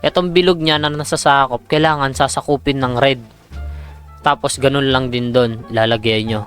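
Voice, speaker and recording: A man giving casual, excitable commentary on a farming game, with exclamations over big crops. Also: mid-range voice, moderate pace, smooth, faint music behind. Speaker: gaming streamer. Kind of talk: casual Roblox gameplay commentary.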